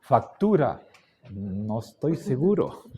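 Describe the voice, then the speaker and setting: A man teaching a class, lecturing deliberately and checking in with his students again and again. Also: medium pitch, very animated, mellow, breathy edge, muffled recording. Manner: slow, deliberate, checks understanding with frequent "¿sí?".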